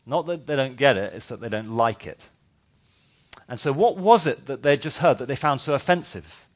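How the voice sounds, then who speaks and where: A man's voice: medium pitch, expressive, normal speed. A male pastor preaching a verse-by-verse sermon, conversational and emphatic, with wry sarcastic asides. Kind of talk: expository sermon.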